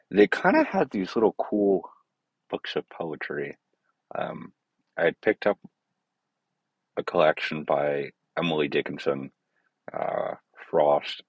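A man's voice: rumbling low, husky, no echo, dull audio. A man hosting his own podcast, talking in a meandering, hesitant way with many fillers and self-corrections. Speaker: podcast host. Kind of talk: rambling casual monologue.

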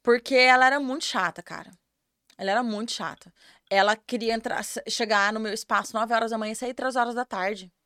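A woman's voice: a little high, fairly quick, fairly bright tone, clear, resonant tone, no room sound, studio quality. A woman, a podcast guest telling her own story in a candid, earnest way and repeating words for emphasis. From Campo Grande, Brazil. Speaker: podcast guest, tanning professional.

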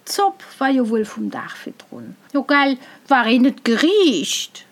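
A woman reciting a rhyming dialect tale in a measured, rhythmic way. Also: sits high, wildly swooping pitch. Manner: measured, rhythmic verse delivery. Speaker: storyteller.

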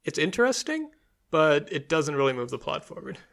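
A man's voice: on the high side, very animated, fairly quick, vocal fry, a bit bright. A man co-hosting a podcast, talking casually about a film and laughing often. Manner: chatty, laughs often, filler-heavy. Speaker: podcast co-host.

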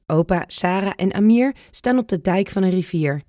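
A woman's voice: medium pitch, lively intonation, moderate pace, dark tone, no room sound, clean studio sound. Woman reading a children's book aloud. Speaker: storyteller.

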